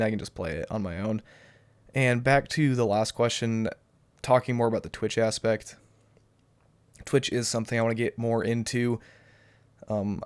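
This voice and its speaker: A young gaming YouTuber answers viewer questions into a cheap webcam in a casual Q&A, his lowish, clean voice still slightly off from the flu. He rambles and hesitates, restarting often and saying "um" a lot. The recording is dry, with no echo.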